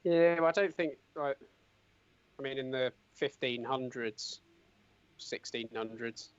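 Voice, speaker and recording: A man's voice: mid-range voice, measured pace, smooth. A young man co-hosting a casual chat, throwing in dry, teasing quips. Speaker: co-host. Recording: slightly dull lo-fi sound.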